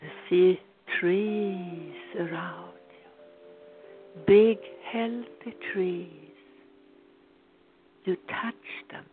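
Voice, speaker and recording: A woman's voice: lowish voice, very slow, pauses often, faint music behind. A woman leading a guided meditation in a soothing voice that drifts into whispers. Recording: tinny phone-like sound.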